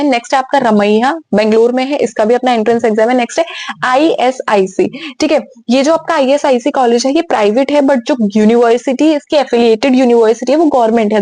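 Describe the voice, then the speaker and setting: A woman's voice: on the high side, darkish tone, dry recording. A young woman hosting a physiotherapy advice channel, answering viewer questions in a frank, direct, casual way. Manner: frank, direct, mixes English words into Hindi.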